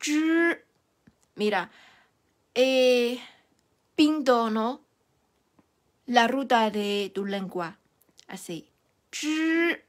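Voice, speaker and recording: A woman's voice: a little high, drawn-out words, pauses often. A young woman whose first language is Chinese, giving a patient, encouraging Mandarin lesson and demonstrating sounds. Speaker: Mandarin teacher. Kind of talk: live online language lesson.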